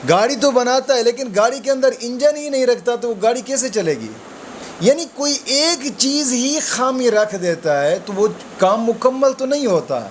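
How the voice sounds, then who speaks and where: A man's voice: animated, slight background noise. A man giving a conversational religious talk to viewers, calling them friends and explaining with everyday examples. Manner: slow, low Arabic recitation at the opening. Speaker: spiritual advice presenter.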